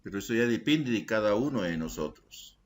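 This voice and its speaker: A man teaching a secondary school language lesson in an online class, explaining slowly and checking in with his students by asking short questions. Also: lowish voice, expressive. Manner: slow, deliberate explaining, tag questions to students.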